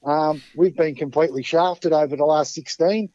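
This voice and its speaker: A muffled, dry lo-fi recording of an Australian man with a slightly high voice. He talks like a matey Aussie tradesman, plain and blokey, in a casual debate. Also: moderate pace, a little mellow, dry recording. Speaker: football club supporter giving his view. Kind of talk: casual radio phone-in debate.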